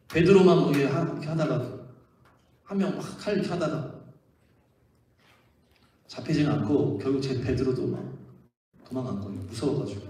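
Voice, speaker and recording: A man preaching a lively sermon to children at a winter camp, telling the story and putting questions to the kids. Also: fairly high pitch, recorded from a distance. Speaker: pastor. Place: church hall or camp venue. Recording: very echoey hall, off-mic.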